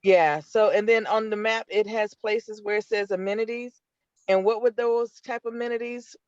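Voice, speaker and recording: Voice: medium pitch, fairly even intonation, normal speed, no room sound, muffled recording. A community member asking pointed questions at a neighborhood meeting over a call connection that keeps breaking up. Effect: patchy call connection that breaks up.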